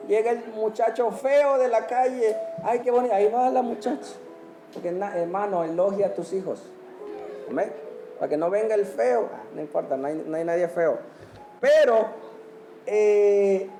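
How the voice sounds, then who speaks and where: High-voiced pastor, echoey hall. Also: male voice, dark tone. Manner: asks the congregation questions, punctuates with amen. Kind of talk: sermon. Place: church hall.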